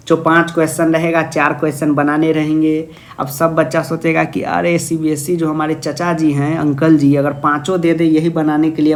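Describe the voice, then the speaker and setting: High-voiced playful Sanskrit tutor. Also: male voice, a bit bright. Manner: playful, jokey, asks questions then answers in a student's voice. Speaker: Sanskrit teacher. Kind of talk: exam-prep video lesson.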